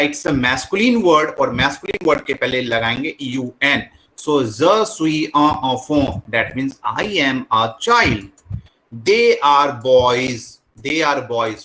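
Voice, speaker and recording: A man with an Indian accent teaching a French class, slowly drilling the words and switching between English and Hindi. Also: a little high, fairly bright tone, poor audio. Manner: slow, repetitive drilling, mixing English and Hindi. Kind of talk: classroom lesson.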